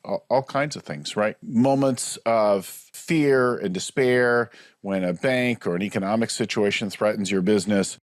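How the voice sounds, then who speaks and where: This is a man in his forties, a business coach telling his story over a video call. His voice sits a little low and sounds close and dry, with no room around it. He talks reflectively and keeps asking "right?" to check the listener is with him. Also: no room sound. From United States. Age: 40s. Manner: reflective, frequent tag "right?".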